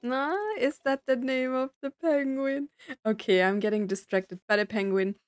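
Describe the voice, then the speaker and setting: A young woman hosts a reaction video, offering casual, enthusiastic commentary over game trailers with filler interjections like mm-hmm. Her voice is slightly high with little pitch movement and a normal speed, and there's no room sound. Game trailer music and audio play in the background.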